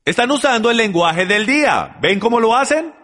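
High-voiced man preaching in a reverberant hall. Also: animated, moderate pace, sharp tone. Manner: emphatic, addresses the audience directly. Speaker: Bible teacher. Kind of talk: teaching sermon.

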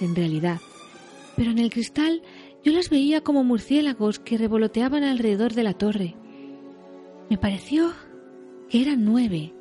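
A woman's voice: high voice, darkish tone, voice pushed up, close to an everyday voice. A woman voicing a frightened young hobbit who stammers and pleads, in a storybook reading.

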